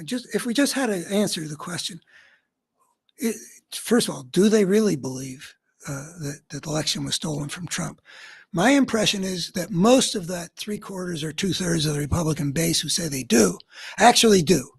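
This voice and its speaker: A man with a somewhat husky, slightly breathy voice talks through a political commentary monologue as a radio host. He sounds earnest and searching, working his thoughts out aloud in long, winding sentences. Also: fairly high pitch.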